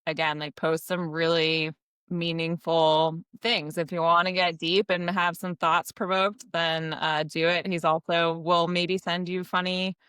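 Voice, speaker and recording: Bright-voiced enthusiastic woman podcast host. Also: fairly low pitch, level tone, a little slow, clear, resonant tone, no echo. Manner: enthusiastic, candid, swears casually. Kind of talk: casual podcast interview.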